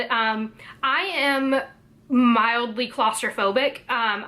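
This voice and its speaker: A young woman telling a personal story to camera, hesitant and emotional, with many pauses and fillers. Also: a little high, pushed and bright. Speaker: vlogger.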